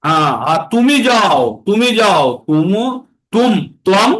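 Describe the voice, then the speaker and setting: A man teaching how to recite Sanskrit verses in a class, explaining patiently and slowing to chant lines syllable by syllable. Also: high voice, lively intonation, fairly bright tone, rough recording. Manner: patient, explanatory, checks understanding.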